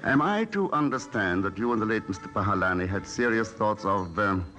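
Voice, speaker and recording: A man's voice: on the low side, expressive, fairly quick, pushed and bright, faint music behind. A man playing a suave, flippant romantic adventurer in a radio drama, wry and theatrical. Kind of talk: old-time radio drama acting.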